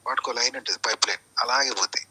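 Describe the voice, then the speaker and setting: A man's voice: mid-range voice, very fast, pushed and bright, slightly rough, low-quality recording. A man giving a rambling spoken lecture as a channel host, looping back with repeated phrases and rhetorical questions.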